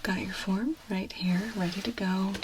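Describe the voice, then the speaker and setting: A woman in a whispered role-play, speaking as a gentle clinic examiner in a soft, reassuring, step-by-step manner. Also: mid-range voice, fairly even intonation, normal speed, background noise. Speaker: ASMR performer playing a clinician.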